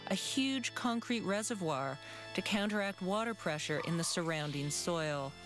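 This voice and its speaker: A woman delivers scripted documentary narration for a travel film. Her delivery is formal and measured, in the manner of a documentary narrator. Music plays clearly behind her voice. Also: lowish voice. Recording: music under the voice. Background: background music.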